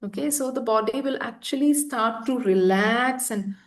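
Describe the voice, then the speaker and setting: Earnest lady, high voice, keeps repeating stuff for emphasis. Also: moderate pace. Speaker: EFT practitioner guest. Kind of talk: conversational explanation.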